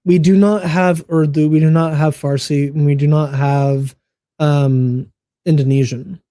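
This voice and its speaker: A man's voice: on the high side, fairly even intonation, unhurried, warm tone, no room sound, clean studio sound. A man co-hosting a casual livestream, answering chat comments with frequent laughs and fillers. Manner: laughs often, talks through fillers.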